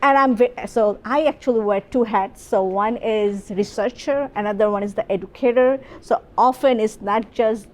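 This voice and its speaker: A woman's voice: a little high, moderate pace, hardly any pauses. A middle-aged woman, a professor explaining her research in a conference interview, with many fillers and restarts. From Bangladesh.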